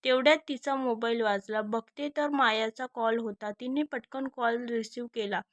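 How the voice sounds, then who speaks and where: A woman narrating a storybook in a steady, expressive reading. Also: on the high side, normal speed, dry recording, dull audio.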